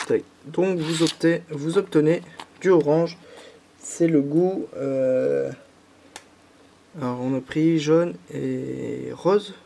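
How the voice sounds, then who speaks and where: This young French YouTuber, nursing a slight head cold, patiently talks his audience through a candy kit tutorial one step at a time, filling gaps with many fillers. His voice sits on the high side, gravelly yet warm, delivered at a slow pace with a little hiss or hum in the recording.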